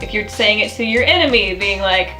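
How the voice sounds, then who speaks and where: A woman guest in a casual reaction chat, playful and quick to laugh. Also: medium pitch, expressive, pushed and bright. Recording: echoey room, faint music.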